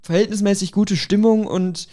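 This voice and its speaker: Male podcast host, higher register, informal conversational delivery, cautious and hedging. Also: steady tone, moderate pace, mellow.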